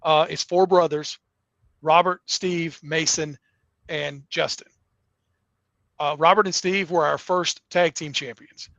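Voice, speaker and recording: Middle-aged male wrestling promoter, earnest and rambling, slightly high voice, muffled dry recording. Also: fairly even intonation, takes it slowly, vocal fry, pauses often, a bit bright, dry recording. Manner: earnest, rambling with many restarts. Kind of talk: casual interview talk.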